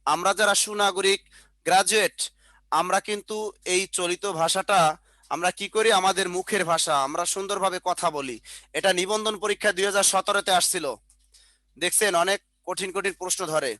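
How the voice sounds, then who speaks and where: A man's voice: sits high, fairly even intonation, a little fast, pushed and bright, no echo. A man teaching an online class over a video call, dictating notes, repeating points, with colloquial joking asides. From Bangladesh.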